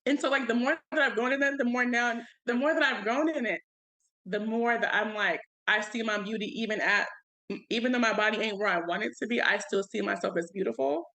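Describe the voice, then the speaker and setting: A young woman co-hosting a podcast, talking candidly in relaxed slangy chat and laughing often. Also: on the high side, fairly quick, low-quality recording. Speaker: podcast co-host. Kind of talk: casual chat.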